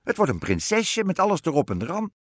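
A man voicing a shrill, bossy old female witch in an audiobook fairy tale. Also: wildly swooping pitch, quick pace, no room sound, clean studio sound. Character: old scatterbrained female witch in a pear tree. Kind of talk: audiobook storytelling.

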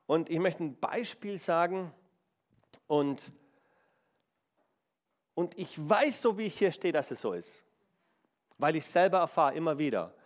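A man's voice: fairly high pitch, animated, a little slow, pauses often. A man preaching a sermon in an emphatic style, repeating key phrases. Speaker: pastor.

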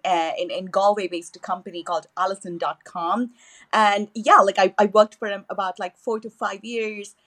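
On a podcast interview, a mid-range, slightly bright female voice belongs to an eager guest from southern India who speaks Tamil natively. She talks enthusiastically, often using fillers and restarting her sentences.

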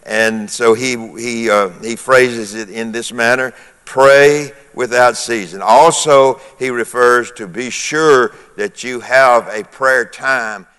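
A man's voice: mid-range voice, steady tone, takes it slowly, few pauses, a bit bright, clear, resonant tone. A male pastor preaching a sermon to a congregation, emphatic, calling on listeners to repeat after him. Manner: emphatic preaching with call-and-response. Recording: long reverb of a church hall.

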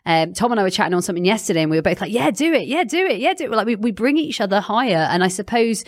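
A woman's voice: mid-range voice, sing-song, very fast, no echo, clean studio sound. A woman co-hosting a podcast, chatting in a friendly, reflective way. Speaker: podcast co-host. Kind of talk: casual podcast chat.

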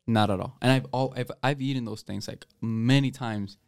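A man's voice: mid-range voice, fairly even intonation, moderate pace, gravelly, a little mellow, dry recording, clean studio sound. A teenage boy with an American accent hosting a student podcast, rambling casually with many fillers and restarts. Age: teens. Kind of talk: casual chat.

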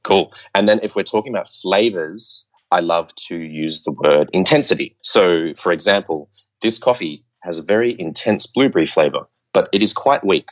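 Brief: low-voiced male expert, patient explainer, slightly muffled line. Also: normal speed. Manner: explanatory, fillers like uh, lecture-like. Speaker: podcast guest, coffee expert. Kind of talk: casual interview talk.

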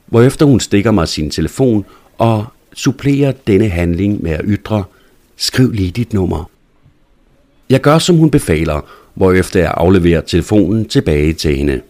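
A man calmly narrating a scripted first-person story in a measured reading voice. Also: low-pitched.

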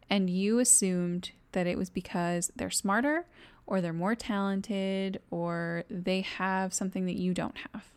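A woman's voice: mid-range voice, smooth. A young adult woman hosting a self-improvement talk, speaking to listeners in an earnest, encouraging and direct way. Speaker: self-improvement podcast host.

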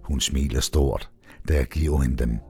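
A man narrating a first-person story in a steady, expressive storytelling manner. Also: extremely low pitch. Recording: faint background music.

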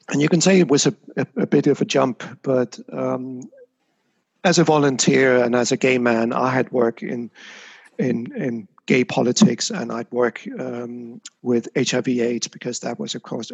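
Talking thoughtfully about his career as a guest in a relaxed interview, this communications consultant frequently backs up and restarts. He speaks at normal speed with a medium, flat, slightly rough voice and vocal fry, while the recording's highs are cut off.

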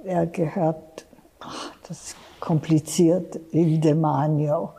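A woman in her late eighties, a guest in an interview, talking slowly and haltingly as she searches for words. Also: sits low, fairly even intonation, gravelly, mellow, husky. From United States. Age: 80s. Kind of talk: interview conversation.

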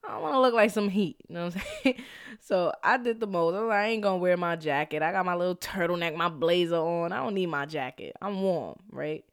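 Somewhat congested from a cold, the young podcast host, who works as a school counselor, chats casually on her own in slang, laughing frequently. Her fairly low voice is brisk, clear and resonant with lively intonation, in echo-free studio quality.

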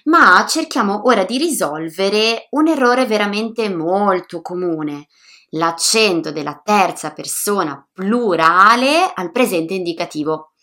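A woman teaching pronunciation in a lively, upbeat scripted lesson, speaking directly to learners. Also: mid-range voice, slow pace. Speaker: Italian teacher.

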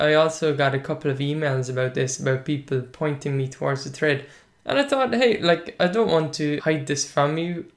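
An Irish man in his thirties whose first language is Irish, chatting in English as a language teacher, good-humoured and reading out comments with his own asides. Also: fairly high pitch. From Ireland. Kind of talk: casual talk to camera.

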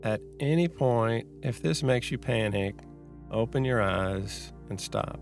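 A man giving a reflective guided mindfulness talk in a measured, unhurried way, with pauses between short phrases. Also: mid-range voice, expressive, faint music behind. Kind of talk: slow guided meditation, reflective talk on anxiety.

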